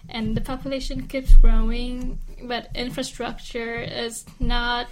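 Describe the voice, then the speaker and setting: Higher-voiced Vietnamese woman. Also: level tone, measured pace, noisy background. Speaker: discussion participant. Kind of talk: casual discussion.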